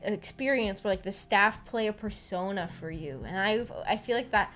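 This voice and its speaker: Hosting a visual novel book club as a VTuber, a woman streamer chats casually over background music. Her mid-range voice is a bit bright and slightly quick. She giggles, hesitates, rambles, and repeats her words.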